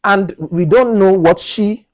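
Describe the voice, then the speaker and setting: A man co-hosting a casual group discussion in a podcast studio speaks slowly, and the audio is poor. He's emphatic and animated, repeating "do you understand?", and sinks into a low, quiet voice when landing a point.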